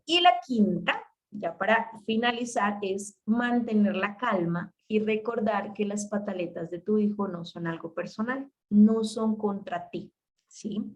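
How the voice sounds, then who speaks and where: Animated woman teaching parents. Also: medium pitch, a little slow. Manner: animated, emphatic, addresses listeners directly. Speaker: parenting educator. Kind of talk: talk to parents.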